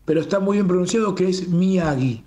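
A Rioplatense man speaks as a guest on a radio interview, his voice sitting a little high. He talks with open enthusiasm and keeps checking in with a rhetorical "¿no?" at the end of his sentences. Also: normal speed, a crowd in the background. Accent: Rioplatense Spanish. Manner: warm, enthusiastic, fond of rhetorical "¿no?". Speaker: guest, communications manager of a Japanese garden.

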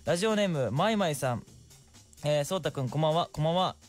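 A man's voice: fairly high pitch, expressive, fast talker, faint music behind. A young man, hosting a radio show in a studio, reading listener letters and answering them in a friendly, chatty way. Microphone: studio microphone.

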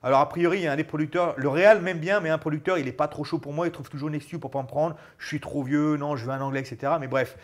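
A forty-something guest, formerly a fighter and now an actor and stuntman, speaks rapid-fire with hardly any pauses in a voice on the high side. Animated and gesturing often, he chats casually in a small studio lounge on a lapel mic.

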